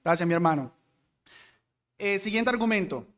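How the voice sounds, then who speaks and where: High-voiced man teaching Bible class. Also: lively intonation, moderate pace, fairly bright tone, long reverb tail. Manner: explanatory, asks the class questions and answers them.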